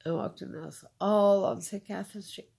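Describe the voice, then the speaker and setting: A woman recounting her own experiences to an interviewer, halting with fillers and repeating phrases for emphasis. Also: medium pitch, steady tone, gravelly, darkish tone, breathy edge. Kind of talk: personal storytelling in conversation.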